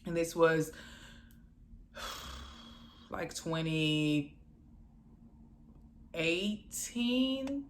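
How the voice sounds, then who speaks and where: A young woman talks straight to camera in a casual vlog, her voice bright and forceful while sitting on a lowish pitch. She is playful and animated and jumps between teasing asides. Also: a little hiss or hum. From Dallas, Texas, USA. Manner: playful and animated, slips into quoted voices and laughs. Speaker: vlogger.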